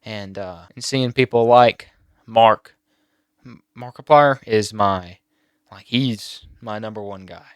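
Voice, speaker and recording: A teenage boy with a low voice talks straight into a close, dry mic. He halts and restarts a lot, emotional and on the edge of tears. It sounds like a personal vlog confession. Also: clean tone, no room sound. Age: teens. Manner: emotional, halting with many fillers and restarts. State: near tears. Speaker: YouTuber.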